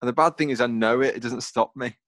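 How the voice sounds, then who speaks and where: A man's voice: mid-range voice, fast talker, a bit bright, no room sound, studio quality. A man co-hosting a casual football podcast, chatty and self-mocking. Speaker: podcast co-host.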